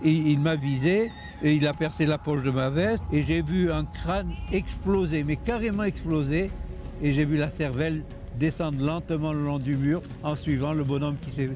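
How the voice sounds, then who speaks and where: An older male eyewitness recounts his memories as testimony. His voice is on the high side for a man, with music in the background. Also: moderate pace. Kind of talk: testimony to camera. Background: faint music.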